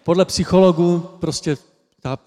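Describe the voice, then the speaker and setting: A man's voice: sits high, normal speed, mellow. A man interpreting a sermon live, hesitant, with frequent fillers and self-corrections. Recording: long reverb of a hall.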